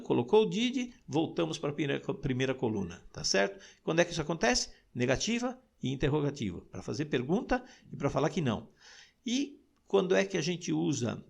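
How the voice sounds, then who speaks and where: A man who speaks Portuguese natively, teaching an English lesson, explaining patiently and saying example phrases slowly. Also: medium pitch, gravelly. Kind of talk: recorded audio lesson.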